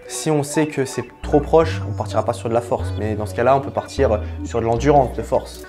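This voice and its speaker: A man, a fitness coach, explaining training plans briskly in a documentary interview. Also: mid-range voice. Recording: music bed under the voice.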